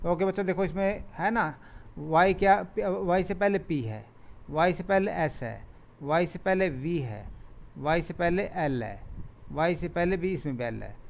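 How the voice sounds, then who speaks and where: Slow-paced male teacher. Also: high voice, animated, creaky. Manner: repeats word lists slowly, reads English rules aloud. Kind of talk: classroom lesson to children.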